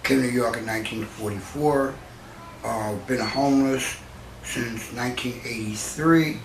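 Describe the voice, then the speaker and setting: A man's voice: mid-range voice, measured pace, far from the mic, background noise. A man in his seventies from South Carolina who plainly lists dates in a documentary interview, recorded noisily, echoey and away from the mic. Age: 70s.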